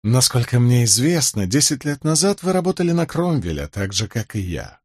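A man's voice: medium pitch, very animated, normal speed, a little mellow, husky, no room sound, clean studio sound. A man reading an audiobook and voicing a sneering, self-satisfied middle-aged provincial lawyer. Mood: boastful.

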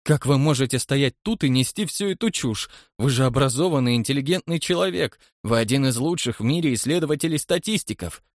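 A man's voice: medium pitch, big pitch swings, normal speed, few pauses, dry recording, studio quality. Man doing an exasperated young idealist. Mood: indignant. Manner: blunt, agitated.

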